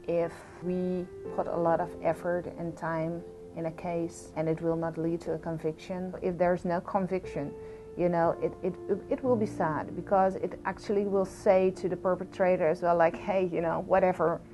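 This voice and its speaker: A woman's voice: fairly low pitch, flat delivery, normal speed, over music. A woman from Aruba, a police deputy commissioner speaking passionately and conversationally in an interview, with frequent fillers.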